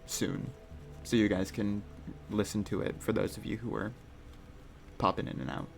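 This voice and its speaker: A man's voice: lowish voice, fairly even intonation, moderate pace, creaky, faint music behind. A man running a tabletop game, chatting casually with his players as the session wraps up. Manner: laid-back, wrapping up the session. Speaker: game master. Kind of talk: casual post-session chat.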